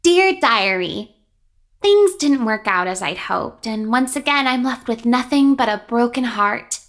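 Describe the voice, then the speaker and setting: A woman voicing a lovesick, obsessive, girlish animatronic in a video game, with breathy, dreamy swooning. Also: fairly high pitch, expressive, unhurried, a bit bright. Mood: dreamy longing. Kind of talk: video game character acting.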